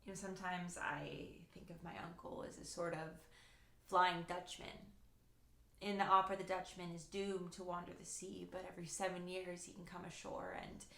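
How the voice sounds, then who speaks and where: A woman's voice: on the low side, a bit bright. Actress as haunted woman in searching soliloquy, echoey room. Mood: wistful, searching. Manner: searching soliloquy, halting with heavy pauses. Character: grown woman haunted by her late uncle, reflective, searching. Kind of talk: searching dramatic monologue. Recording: echoey room with faint noise.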